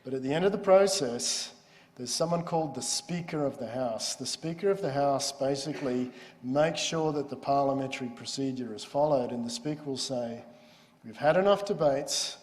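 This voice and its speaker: A man giving a university law lecture in a relaxed, explanatory, conversational way. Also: mid-range voice, normal speed. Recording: lecture hall with long reverb.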